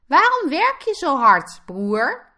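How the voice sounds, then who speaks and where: Woman reading as small piglets: very high, bright, bouncy, childlike pleas. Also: wildly swooping pitch, slow, full character voice. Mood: coaxing. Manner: high, pleading. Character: small frightened young male piglets.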